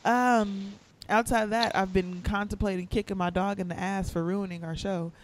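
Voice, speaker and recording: Podcast co-host, male, high voice, loose rambling delivery, muffled and distant as if heard through a wall. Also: steady tone, normal speed, slight background noise. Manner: laid-back, rambling storytelling. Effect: sounds far away and muffled, as if heard through a wall. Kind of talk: casual chat. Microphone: far from his microphone, in a quiet room.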